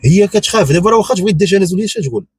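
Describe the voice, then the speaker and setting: A man's voice: high voice, lively intonation, racing, slightly rough, no echo. A man with a Moroccan accent giving unscripted opinion commentary, insistent and repetitive, firing off rhetorical questions. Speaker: YouTube commentator.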